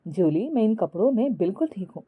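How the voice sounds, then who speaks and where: A woman's voice: mid-range voice, sing-song, fairly quick, husky, no room sound, narrow, tinny audio. A woman voicing a patient, easygoing young husband in a storybook. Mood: pleading.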